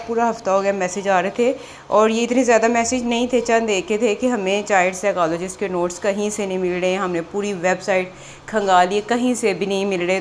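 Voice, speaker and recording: Woman teacher, middle pitch, chatty voice-over walking through a website. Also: slight background noise. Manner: chatty, repeats "theek hai" and "ye dekhiye". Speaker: exam prep teacher. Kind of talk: screen walkthrough tutorial.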